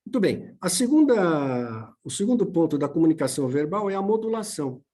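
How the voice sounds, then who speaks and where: High-voiced Brazilian man teaching preaching. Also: sing-song, fairly quick, mellow. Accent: Brazilian Portuguese. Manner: plain, patient teaching with filler "né?". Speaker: homiletics teacher. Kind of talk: church seminar lecture.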